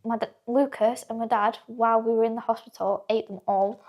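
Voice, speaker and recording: A woman's voice: on the high side, steady tone, brisk, darkish tone, a little hiss or hum. A teenage girl, a guest telling her stories in casual chat and acting out what people said. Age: teens. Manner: chatty storyteller, acts out quotes, laughs often.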